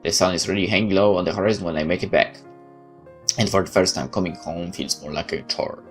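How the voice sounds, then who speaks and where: Playing through a game, a man reads the story out with theatrical expression and drops casual side comments as a let's player. His voice is low and he talks fast, over soft background music.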